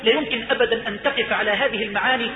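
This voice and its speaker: A man with an Egyptian accent delivers a sermon quickly and emphatically, retelling stories to his listeners. He has a very high voice. It sounds tinny and phone-like, with a long echo from a large hall. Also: fairly even intonation, background noise. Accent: Egyptian Arabic. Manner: emphatic, storytelling preaching. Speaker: preacher. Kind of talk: colloquial sermon. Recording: echoey hall over a tinny phone-like line.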